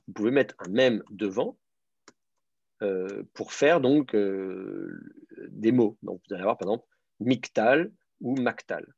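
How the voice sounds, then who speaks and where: A man teaching, his voice low and husky, stopping often to hesitate and repeat himself as he explains step by step. The recording is close and dry, with slightly dull, lo-fi sound. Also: darkish tone, no room sound. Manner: hesitant, many fillers and repeated words, patient explaining. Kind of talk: explanatory online class lecture.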